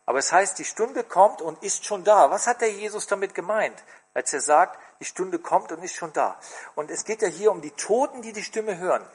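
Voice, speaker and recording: A man's voice: high-pitched, expressive, normal speed, slightly rough. A man preaching a sermon in church, asking the congregation questions and reading scripture with expression.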